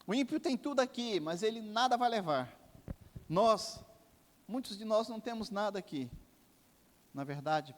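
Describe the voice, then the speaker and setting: An older man with a Brazilian Portuguese accent, preaching a sermon as pastor, with impassioned rises and drops. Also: sits high. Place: church sanctuary. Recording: long church hall reverb.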